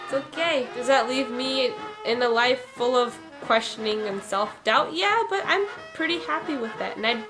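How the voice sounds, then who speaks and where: A woman's voice: on the high side, normal speed, few pauses, low-quality recording. A young woman vlogging casually, answering viewer questions in a chatty, digressive way with lots of ums and likes. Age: young adult. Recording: old jazz music playing under the voice.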